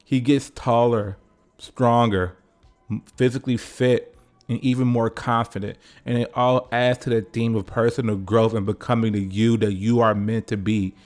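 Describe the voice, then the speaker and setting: A man's voice: mid-range voice, gravelly, darkish tone. A man narrating a casual comedic video essay, full of jokes, profanity and conversational asides to the viewer.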